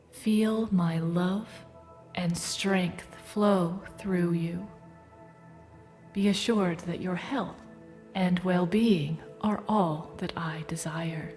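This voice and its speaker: A woman playing a serene, motherly Earth Mother goddess in a guided-meditation audio drama, with a warm, soothing, softly breathed voice. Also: lowish voice. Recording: music bed behind the voice.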